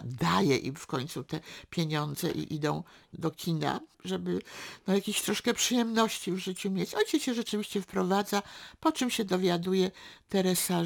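A woman's voice: medium pitch, moderate pace, creaky. A woman in a casual talk about a novel, hesitant and often repeating words as she thinks. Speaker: book discussion guest. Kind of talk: casual literary discussion with reading aloud.

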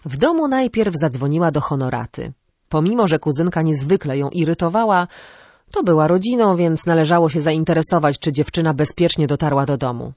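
A woman reading a novel aloud as an audiobook narrator, in a measured, even delivery. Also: low voice, dry recording, studio quality. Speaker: audiobook reader. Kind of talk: scripted narration.

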